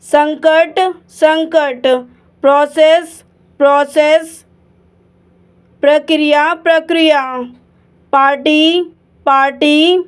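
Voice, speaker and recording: A woman teacher works through a word list at a very slow, deliberate pace. Her voice sits high, and she says every word twice in an even, drilling rhythm. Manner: slow, measured, repetitive word-by-word reading. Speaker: vocabulary teacher.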